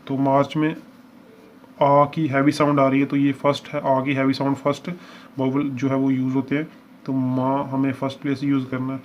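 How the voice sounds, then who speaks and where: A man's voice: mid-range voice, completely flat delivery, moderate pace. A man teaching a shorthand lesson, explaining each step patiently and repeating examples as he works through them. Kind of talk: lesson walkthrough. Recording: dull lo-fi recording with faint hiss.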